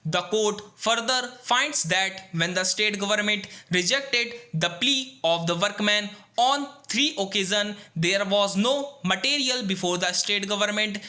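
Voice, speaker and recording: High, bright Indian man dictating. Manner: dictating in measured phrases, calling out punctuation. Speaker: shorthand dictation reader. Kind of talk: dictating formal legal text for shorthand practice.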